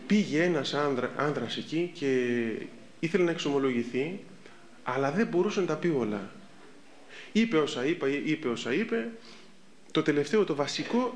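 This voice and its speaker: Middle-aged man, Orthodox priest, sermon, fairly high voice, echoey room. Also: long pauses. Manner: lively storytelling, acting out the people in his stories.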